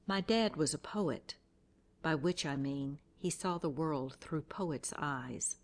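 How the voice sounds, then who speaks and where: A woman reading a scripted devotional in a calm, reflective, measured way. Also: deep voice. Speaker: devotional reader.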